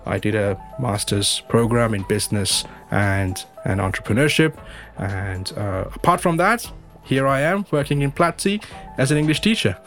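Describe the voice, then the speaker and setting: With soft background music underneath, this interview guest, an English teacher from western India, talks casually in an animated, fairly bright mid-range voice at a moderate pace. He tends to ramble, circling back to repeat and rephrase his ideas.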